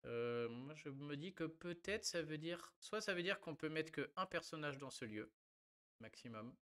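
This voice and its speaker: A man's voice: on the high side, animated, moderate pace, a bit bright. A man casually talking about card game decks and a giveaway, chatty and full of fillers. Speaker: card game content creator. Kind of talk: casual gameplay commentary.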